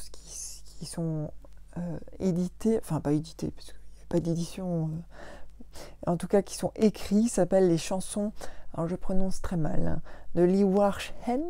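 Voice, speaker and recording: A woman's voice: mid-range voice, mellow, no room sound. A woman from Alsace, hosting a casual live talk for her followers on a phone, hesitant and full of fillers and self-corrections. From Alsace, France. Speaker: host of a weekly live. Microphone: phone on an Instagram live.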